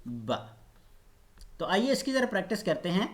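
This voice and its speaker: A man's voice: high-pitched, big pitch swings, normal speed. A man teaching an online Quran recitation lesson, patiently demonstrating each letter's sound.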